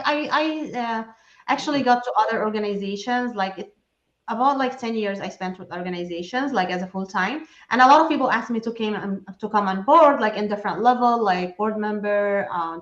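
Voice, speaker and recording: A woman's voice: medium pitch, a bit bright. A middle-aged woman from Syria talks through a video call, earnest and chatty, with plenty of fillers and restarts. Her voice sits in the middle range. The sound is roomy and a little muffled. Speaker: guest, enrolled agent for nonprofits. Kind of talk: casual interview talk.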